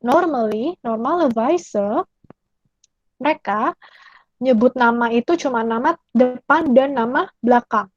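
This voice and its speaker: A young woman from Indonesia teaching German, explaining patiently and repeating phrases slowly. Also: fairly high pitch, no room sound, muffled recording, soft background music. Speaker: German language tutor. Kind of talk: online language lesson.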